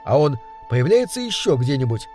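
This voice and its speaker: A man voicing a composed doctor who calmly reassures his frightened friend. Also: mid-range voice, normal speed, faint music behind, lightly acted. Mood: earnest. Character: composed male doctor, shaken but steady. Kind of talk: audiobook character reading.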